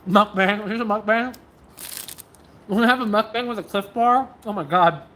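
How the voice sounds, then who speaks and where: A woman in a middle pitch chats loosely with her livestream viewers, often breaking off mid-thought. A faint noise sits under her voice. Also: normal speed, fairly bright tone. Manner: chatty, scattered, self-interrupting. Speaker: livestream host and sword practitioner. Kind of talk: casual livestream chat with viewers.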